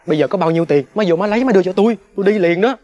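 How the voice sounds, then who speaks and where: Casting: a young actor as a surly Southern Vietnamese son, high voice, rapid-fire and curt. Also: male voice, a little mellow, lo-fi sound, close to an everyday voice. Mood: defiant. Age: young adult. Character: resentful hot-headed young son. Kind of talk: TV crime reenactment drama.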